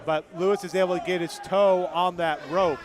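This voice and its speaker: Male wrestling play-by-play commentator, high voice, short punchy move calls that lift to a shout, noisy live crowd behind. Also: steady tone, normal speed. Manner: calls moves in short bursts, raising his voice to shouts at big action. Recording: noisy live event, loud crowd around him. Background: crowd noise of a live wrestling event.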